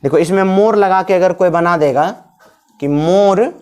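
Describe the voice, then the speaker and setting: Low-voiced woman teaching English grammar. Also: a little fast, darkish tone. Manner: explains step by step, asks and answers own questions. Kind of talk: classroom-style grammar lesson.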